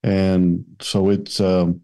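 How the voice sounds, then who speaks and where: A middle-aged man with a West Kentucky twang, chatting as a podcast guest in a folksy, halting way. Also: low voice, little pitch movement, warm tone. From Kentucky, United States. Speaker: podcast guest, men's ministry leader. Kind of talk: casual conversational interview.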